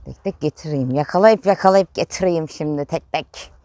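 A woman's voice: low-pitched, normal speed, mellow, no echo. A middle-aged woman from Turkey chatting casually through a home vlog and cooing affectionately to her chickens in the garden. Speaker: vlogger mother.

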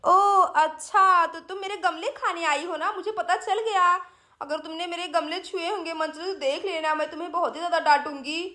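A lively young woman chatters and scolds in a busy, animated way, as a woman plays her. Her voice sits very high. She is a character in a children's doll story. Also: moderate pace.

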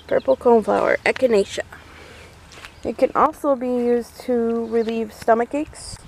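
With vocal fry in her slightly high voice, a woman guides a casual walking tour of a library garden on camera, never quite sure what the plants are called. Loud outdoor noise comes through her handheld camera mic.

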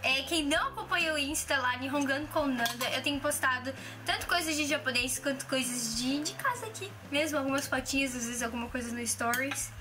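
Against a noisy background, a woman in her twenties speaks fairly quickly in a high voice with few pauses. She's chatting through a home cooking vlog in her kitchen, casual but hesitant, with many restarts and fillers. The camera mic at arm's length picks up background music and clinking dishes.

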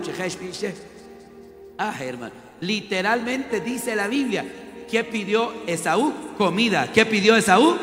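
A man preaching a sermon, lively and emphatic, calling his listeners brother. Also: high voice, reverberant, in a large hall.

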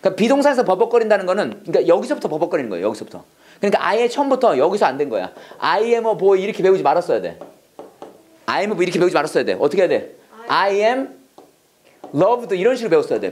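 An English prayer instructor giving a classroom lecture, drilling phrases call-and-response style, urging the class to go faster, and breaking in with joking asides. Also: medium pitch. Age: adult, past seminary studies. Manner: energetic, coaxing, repeats drill phrases and urges speed; jokey asides and chuckles between drills.

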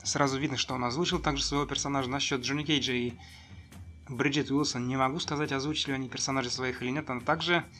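Bright-voiced man reviewing a game casually. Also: mid-range voice, steady tone, quick pace, faint music behind. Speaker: gaming video host.

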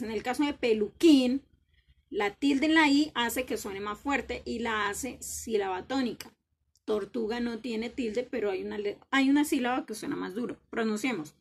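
A woman teaching a language lesson to children, praising them warmly and slowly drawing out words to show which syllable is stressed. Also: a little high, breathy edge.

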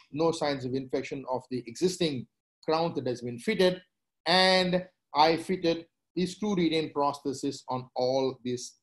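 A man in his sixties with a South Indian Tamil accent, lecturing as a dentist on a webinar with hesitant, deliberate phrasing. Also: a little high. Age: 60s. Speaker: dentist presenting a clinical case. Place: indoor room, on a video call. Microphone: video call.

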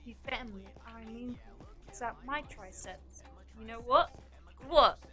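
Young female streamer, high bright voice, unhurried teasing patter, soft music behind. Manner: playful, teasing, giggly. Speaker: livestreamer. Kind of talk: casual livestream chat.

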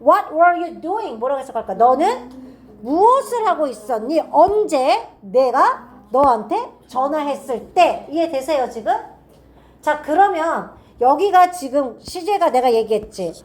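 A high-voiced woman with a lively, swooping delivery runs a grammar class. She keeps checking in with her students and reads each example sentence slowly and carefully. She is recorded in a classroom. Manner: quizzing students with quick repeated checks. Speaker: English teacher at a cram school.

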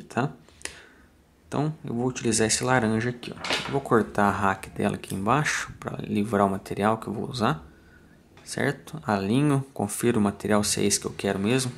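Man, Brazilian accent, step-by-step tutorial, methodical, mid pitch, close mic. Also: vocal fry. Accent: Brazilian Portuguese. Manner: calm, methodical, counts turns aloud. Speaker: fly tying instructor.

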